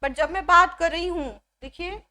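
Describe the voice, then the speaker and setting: A woman teaching an exam-prep English grammar lesson, explaining step by step and often checking with "ठीक है", slowing down on English examples. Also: very high-pitched, bright, forceful tone. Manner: mixes Hindi with English phrases, slows down on English examples.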